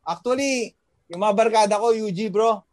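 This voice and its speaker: Man from the Philippines, trainer guest, high voice, dry close sound, pep-talk delivery peppered with fillers. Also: normal speed, darkish tone, dry recording. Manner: motivational, full of fillers and tag questions. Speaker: guest, fitness trainer working abroad. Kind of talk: casual podcast chat.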